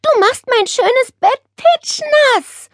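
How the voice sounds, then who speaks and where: A woman voicing a spirited young girl in an audiobook, talking in a loud, exasperated way. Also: extremely high pitch, animated, takes it slowly, no echo, clean studio sound, voice pushed up, exaggerated voice. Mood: scolding. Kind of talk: audiobook character voice.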